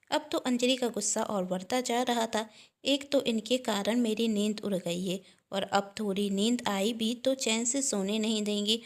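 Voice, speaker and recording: Woman narrating a story, higher pitch. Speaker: storyteller and channel host.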